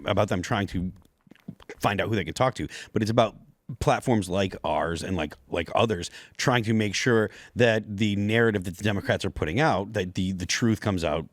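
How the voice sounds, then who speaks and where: A man with a low voice argues his side in a casual political discussion. He talks haltingly, restarting often and softening his points with "I think." The recording is dry and close, with no room sound. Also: dry recording.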